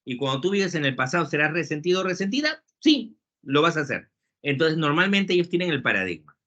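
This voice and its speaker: A man giving a webinar talk on leadership, lively and joking, acting out quotes along the way. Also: on the high side, fairly quick. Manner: lively, jokey lecturing with acted quotes. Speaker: webinar speaker. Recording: muffled lo-fi webinar audio.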